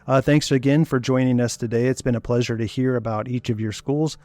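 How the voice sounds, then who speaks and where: A man, the podcast host, wrapping up the episode in a friendly, measured way. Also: mid-range voice, fairly even intonation, warm tone, dry recording. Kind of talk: scripted show outro.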